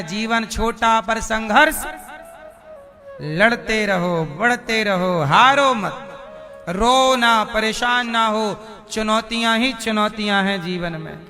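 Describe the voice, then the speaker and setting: Man, preacher, high voice, unhurried, music behind, chants verses. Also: sharp tone. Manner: questions the audience and chants verses. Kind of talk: devotional sermon with chanted verses. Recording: live hall with music behind.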